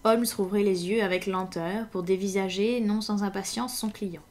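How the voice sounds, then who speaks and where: A woman reading a classic detective story aloud in French, with measured, attentive narration. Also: mid-range voice, steady tone, darkish tone. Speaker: audiobook reader.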